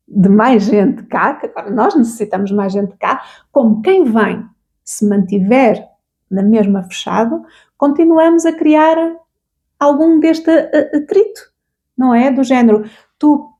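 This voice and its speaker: A woman's voice: a little high, dark tone. A woman from Portugal with a European Portuguese accent, co-hosting a casual therapy talk and explaining with frequent tag questions. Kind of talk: casual conversation.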